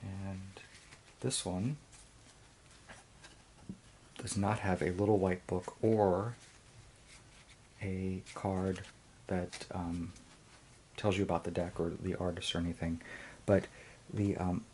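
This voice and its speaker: A man's voice: low-pitched, flat delivery, slow, long pauses, a little mellow, a little hiss or hum. A man casually reviewing and unboxing a tarot deck, hesitant, with frequent ums and restarts.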